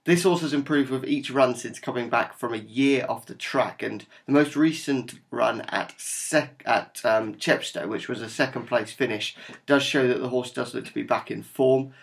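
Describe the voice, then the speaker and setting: A man from Norfolk, with the local English accent, presents racing tips for a members' video. His voice sits at an average pitch. He talks informally and conversationally, keeping things upbeat and matter-of-fact as a tipster would. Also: moderate pace, gravelly. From Norfolk, England.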